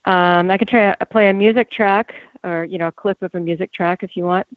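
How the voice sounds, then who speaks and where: A woman's voice: on the low side, steady tone, brisk, no echo. A woman presenting casually in conversation, hesitant as she goes, heard over a tinny call. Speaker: guest presenting audio programs. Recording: tinny phone-like call, dry.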